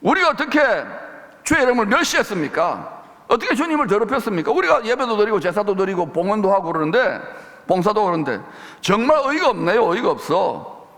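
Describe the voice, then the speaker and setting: A man's voice: high voice, very animated, fast, a bit bright, big-room sound, heavily acted. A man preaching acts out the voice of ancient worshippers who complain to God with indignant, whining questions. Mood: aggrieved.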